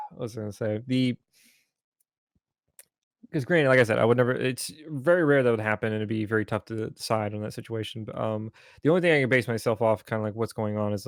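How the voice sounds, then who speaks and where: A man's voice: on the low side, dry recording, studio quality. A man, rambling through a casual story on a podcast and cursing freely. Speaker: podcast co-host. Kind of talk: casual chat.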